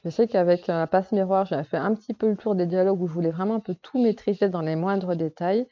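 A woman's voice: lowish voice, fast, lo-fi sound. A woman novelist giving a casual talk on writing craft to a group, hesitant and full of fillers and restarts. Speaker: novelist speaking to a workshop group.

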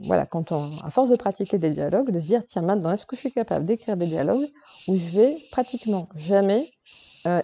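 A woman's voice: lowish voice, vocal fry, muffled recording. A woman novelist giving a casual talk on writing craft to a group, hesitant and full of fillers and restarts. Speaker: novelist speaking to a workshop group.

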